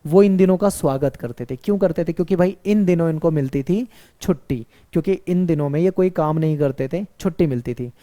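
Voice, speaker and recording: A man's voice: a little high, a little fast, dark tone. A male teacher giving an exam-focused history lecture, who asks questions, answers them himself and repeats key points.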